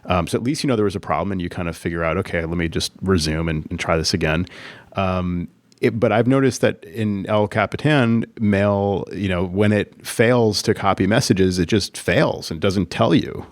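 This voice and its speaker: Low-voiced rambling man in a casual tech chat. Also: moderate pace, no echo. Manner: rambling, many fillers and restarts. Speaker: podcast co-host, Apple consultant.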